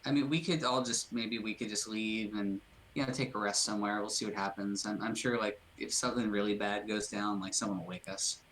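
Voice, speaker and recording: A man's voice: on the low side, fairly even intonation, fairly quick, a bit bright, slight background noise, poor audio. A man speaking casually as a tabletop player, tentative and hedging his suggestions.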